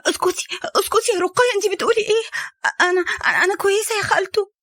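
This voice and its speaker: A woman's voice: very high voice, fairly even intonation, very fast, fairly bright tone, no room sound, voice pushed up. A woman voicing an ashamed nineteen-year-old girl with an Egyptian accent, speaking hesitantly. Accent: Egyptian Arabic.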